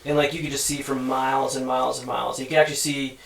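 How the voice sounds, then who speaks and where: A man telling stories casually in a rambling, animated way, often restarting his sentences. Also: mid-range voice, fast talker, vocal fry, echoey room, far from the mic, rough recording. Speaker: guest hunter. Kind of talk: casual storytelling.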